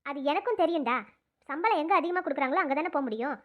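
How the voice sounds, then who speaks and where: A woman voicing a worried older father in a cartoon, low and grumbling. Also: lively intonation, fast, muffled recording.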